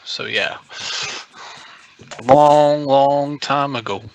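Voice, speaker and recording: A man's voice: medium pitch, steady tone, unhurried, bright, forceful tone. A man chatting casually as a player in a tabletop game on an online group call.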